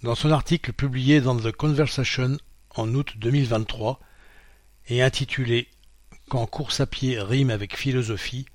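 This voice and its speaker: Male reader, mid pitch, plain dry studio sound; reads articles aloud, calls out pages and quote marks. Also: normal speed, dry recording. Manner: reads out quote marks and page numbers, steady informative delivery. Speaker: magazine reader. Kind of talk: read-aloud narration of a printed magazine.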